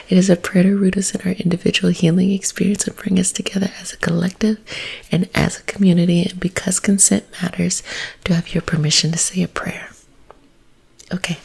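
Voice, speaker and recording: A woman speaking in a soft, half-whispered ASMR style, gentle and maternal, as the host of a self-care healing session. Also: fairly low pitch, creaky, breathy edge. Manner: gentle, maternal, informal, addresses listeners as babies. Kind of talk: soft-spoken ASMR, intimate monologue to listeners.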